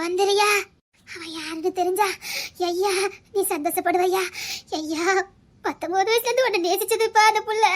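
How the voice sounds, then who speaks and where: An actress plays a grieving older grandmother with a Tirunelveli accent, who laments in long, pleading wails. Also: extremely high pitch. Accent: Tirunelveli Tamil. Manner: wailing lament, repeated pleading calls. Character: grieving elderly grandmother, devoted and emotional. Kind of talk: village family drama acting.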